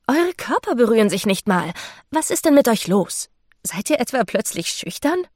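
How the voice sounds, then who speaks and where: A woman reading the part of a bossy young woman who pushily directs a photo shoot, her voice slightly lifted and louder than her narration. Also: a little high, animated, normal speed, no room sound, studio quality. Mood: demanding. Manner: pushy, commanding.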